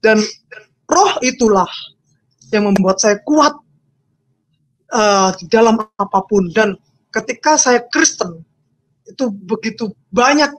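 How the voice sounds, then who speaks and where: A woman giving an emotional personal testimony as an interview guest, repeating her phrases and swinging widely in pitch. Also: lively intonation, takes it slowly, pauses often, a little hiss or hum.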